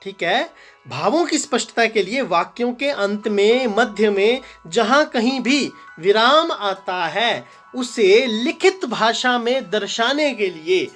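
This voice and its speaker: A man's voice: high-pitched, lively intonation, takes it slowly, fairly bright tone, faint music behind. Man teaching Hindi grammar step by step. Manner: repeats and stresses example sentences, asks and answers own questions. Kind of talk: explanatory grammar lesson.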